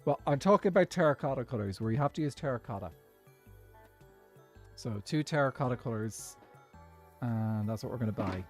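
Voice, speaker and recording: Chatting at length while he plays, a young Irish streamer keeps up casual talk and replies to viewers in chat. His medium-pitched, darkish voice has lively intonation and runs a little fast, broken by long pauses. Faint music sits in the background.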